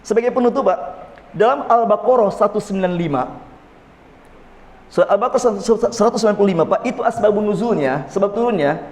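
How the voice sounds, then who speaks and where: High-voiced preacher in an echoing hall. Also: male voice, fast talker, darkish tone. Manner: folksy, jokes with the audience, addresses "Pak". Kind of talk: mosque sermon to a congregation. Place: mosque. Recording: long reverb of a mosque hall.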